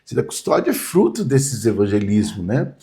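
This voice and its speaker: A man's voice: fairly low pitch, sing-song, moderate pace, creaky, mellow. A man, a pastor vividly telling stories in a podcast interview. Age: 60s. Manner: vivid storyteller, acts out quoted voices.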